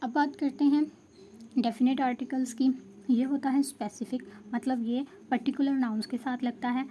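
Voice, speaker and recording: A woman's voice: sits high, steady tone, normal speed, warm tone, slight background noise. A woman teaching English grammar, explaining step by step in a patient way and stopping to check that students follow. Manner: patient, checks understanding, mixes Hindi and English. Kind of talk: explanatory lesson.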